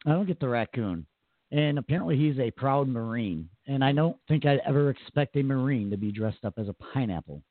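A man hosting a casual podcast, with crude jokes and a lively voice that swings up and down. The sound is dry and thin, like a phone line. He talks in an easy, everyday way. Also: mid-range voice, fairly quick, no room sound. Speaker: podcast host. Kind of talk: casual chat.

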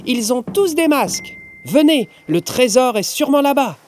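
A man voicing an excitable, bossy young girl, the big sister in a children's storybook. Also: extremely high pitch, normal speed, a little hiss or hum, voice pushed up. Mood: excited. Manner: excited, exclaiming.

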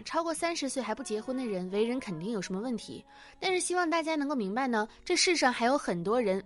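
A woman's voice: on the high side, fairly bright tone. A woman in her late twenties hosting a casual home podcast, chatty and self-mocking, often giggling as she tells stories. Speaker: podcast host. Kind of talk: casual personal radio chat.

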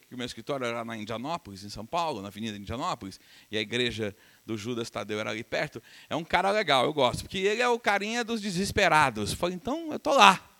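Animated, bright-voiced Brazilian pastor preaching. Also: male voice, fairly high pitch. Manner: animated, acts out quoted voices, laughs with the congregation. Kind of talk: sermon with storytelling.

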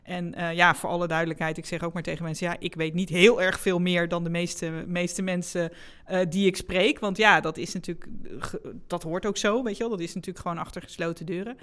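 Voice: mid-range voice, level tone, brisk, a bit bright. Chatty speaker, mid voice, keeps restarting sentences, easygoing convo. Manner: chatty and hesitant, many fillers and restarts. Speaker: newly elected politician, interviewer. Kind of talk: casual conversation.

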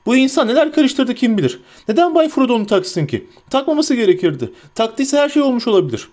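A man voicing an anxious, loyal young male hobbit servant, high-pitched and frantic, talking to himself. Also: sing-song, quick pace, darkish tone. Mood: alarmed.

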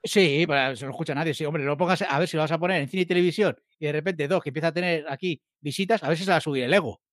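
Fast-talking bantering man. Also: a little high, fairly bright tone, no echo, studio quality. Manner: joking, quick banter. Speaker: co-host. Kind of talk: casual reaction chat.

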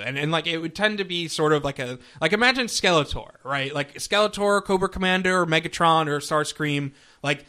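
This male podcast co-host has a sharp tone and a fairly high pitch. His casual talk wanders, with frequent restarts and filler words.

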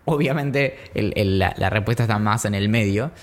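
A man's voice: on the low side, moderate pace. A man with an Argentine Spanish accent co-hosts a casual podcast. He rambles, restarts his sentences, and drops dry jokes along the way. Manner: rambling, self-interrupting, joking. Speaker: podcast co-host. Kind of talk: casual chat.

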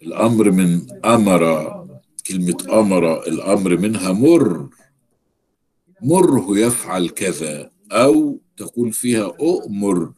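A man teaching Arabic grammar with an Egyptian accent. He explains step by step and repeats words slowly for stress. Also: on the low side, a little mellow. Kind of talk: recorded grammar lesson.

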